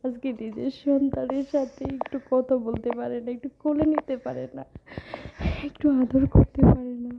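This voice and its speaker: A woman's voice: high voice, little pitch movement, normal speed, vocal fry, highs cut off, heavy background noise. A tearful woman speaking in a personal vlog, pleading and lamenting in a repetitive way as she cries. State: tearful, crying. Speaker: vlogger addressing her followers. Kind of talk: emotional personal vlog monologue.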